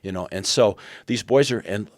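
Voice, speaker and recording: This lowish-voiced podcast guest, a man in his sixties from the United States, speaks at a moderate pace. He earnestly recounts a piece of history, voicing the dialogue of its figures. The studio-quality sound has no echo.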